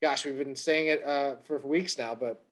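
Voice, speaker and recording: A man's voice: medium pitch, steady tone, normal speed, a bit bright. A man co-hosting a casual sports podcast, joking with the others and steering the talk back on track. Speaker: podcast co-host.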